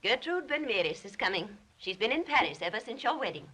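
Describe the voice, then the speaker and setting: An actress playing a domineering, coldly scheming wealthy older sister in a 1930s film melodrama, with an imperious, clipped, insinuating manner. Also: female voice, a little high, very animated, brisk, pushed and bright, husky, exaggerated voice. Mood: sly, cutting.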